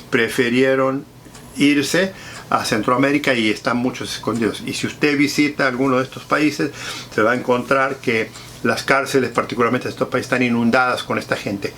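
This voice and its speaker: A man hosting a solo commentary monologue, speaking formally to his viewers and often pausing on fillers and repeating himself. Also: mid-range voice, a bit bright, slight background noise. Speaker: host.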